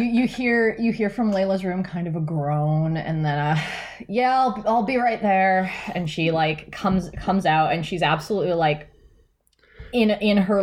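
Low-voiced woman rambling through a scene. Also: a little mellow. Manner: rambling, hesitant. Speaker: player. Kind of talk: casual role-play narration.

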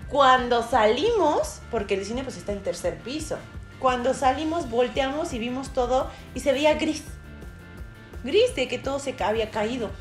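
A woman's voice: sits high, normal speed, echoey room, soft background music. A young Mexican woman with a Mexican Spanish accent, co-hosting a casual podcast and telling a dramatic personal story with lots of fillers and acted-out quotes. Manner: animated storyteller, acts out shouted quotes, many fillers. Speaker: podcast co-host.

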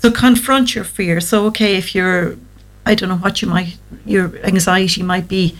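A woman with a medium-pitched voice talks as an expert guest in an interview. She explains practical advice step by step in a conversational way. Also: fairly even intonation, moderate pace. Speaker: guest anxiety therapist on a show.

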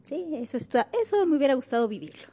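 Higher-voiced woman co-host. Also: very animated, fast, warm tone, slightly rough. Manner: chimes in with questions and wry jokes. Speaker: podcast co-host. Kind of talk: casual history chat.

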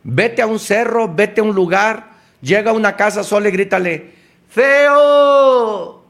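A man's voice: high voice, normal speed, fairly bright tone. A man giving a motivational talk, driving points home with emphatic, repeated exhortations. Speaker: motivational speaker.

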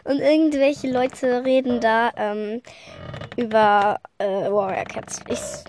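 A woman's voice: a little high, steady tone, a little mellow, slight background noise. A woman chatting casually as a podcast host, hesitant and rambling, often apologizing and restarting her sentences. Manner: slow with many fillers and trailing off.

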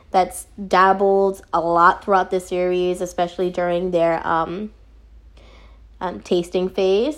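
A young woman reviewing an anime in casual chat, rambling with lots of fillers and giggles. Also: medium pitch. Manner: giggly, rambling, animated, frequent fillers and laughs.

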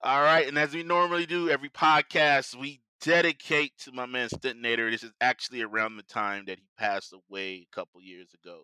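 A man's voice: mid-range voice, pushed and bright, clean tone, no echo, rough recording. A man hosting a podcast, chatting casually about anime in an informal, slangy, upbeat way. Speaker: podcast host.

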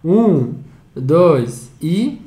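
A man's voice: on the high side, big pitch swings, very slow, warm tone. Echoey Brazilian man joking through a podcast email. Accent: Brazilian Portuguese. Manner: reads listener emails with joking asides. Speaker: podcast co-host. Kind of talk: casual chat. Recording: echoey room.

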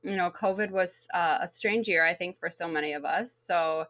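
A woman's voice: on the low side, normal speed, fairly bright tone. A woman talking casually, with a friendly, informal way of telling things. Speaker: documentary filmmaker. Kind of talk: casual conversation.

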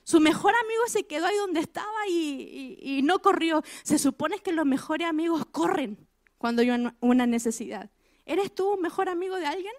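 Woman giving a sermon, pretty high voice, keeps asking the crowd stuff, dry sound. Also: animated, normal speed, dry recording. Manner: asks the listeners direct questions; emphatic, repeats key phrases. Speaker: preacher.

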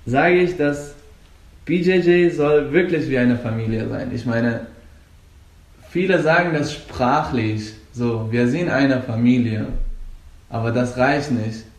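A young man from Afghanistan, speaking German as a second language, talks earnestly about coaching jiu-jitsu, with halting restarts. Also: mid-range voice. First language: not German. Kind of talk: casual interview. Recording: echoey room.

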